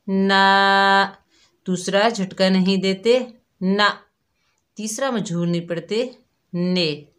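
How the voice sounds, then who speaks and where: A woman teaching Quran recitation, patiently spelling out each syllable and repeating it. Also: lowish voice. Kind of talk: slow step-by-step recitation lesson.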